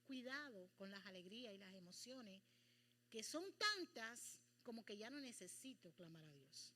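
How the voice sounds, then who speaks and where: A middle-aged woman pastor leading a Bible study, animated and acting out prayers and bits of dialogue. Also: mid-range voice, moderate pace.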